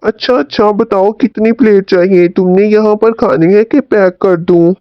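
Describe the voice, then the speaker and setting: A man's voice: high voice, normal speed, smooth, no room sound, highs cut off, natural voice. A man voicing a chatty, kindhearted young momo seller in a cartoon story, exclaiming and grumbling as he talks.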